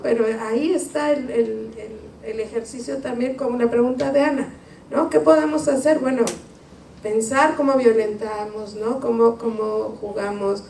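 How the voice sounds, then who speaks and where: A woman's voice: a little high, gravelly, dark tone. A woman speaking in a spontaneous academic discussion, hesitant with many restarts and tag questions. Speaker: university panelist. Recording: echoey room, distant mic, faint noise.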